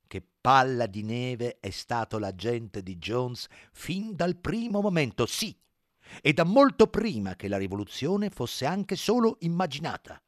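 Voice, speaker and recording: A man voicing a sly male pig propagandist who talks shrill and insistent. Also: fairly bright tone, no echo, studio quality. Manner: shrill, emphatic, wheedling preaching.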